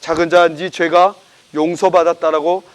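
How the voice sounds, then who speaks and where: A male pastor voicing a calm, gentle savior who speaks slowly and solemnly, lower than his own voice. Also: big-room sound, natural voice. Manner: slow, solemn.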